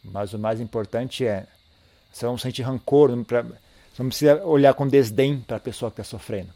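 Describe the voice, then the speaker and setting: A man gives a calm, reflective Buddhist teaching, often pausing to repeat himself and ending phrases with a questioning tag. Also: medium pitch. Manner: calm, reflective, tags sentences with "né?"; repeats and restarts phrases while thinking. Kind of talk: dharma talk.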